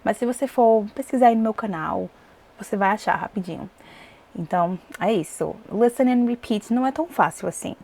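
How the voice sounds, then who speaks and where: Female English tutor with a Brazilian accent, chatty and expressive, medium pitch, casual vlog read. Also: fairly quick, creaky. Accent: Brazilian Portuguese. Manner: chatty and expressive, with frequent fillers. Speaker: English test prep teacher.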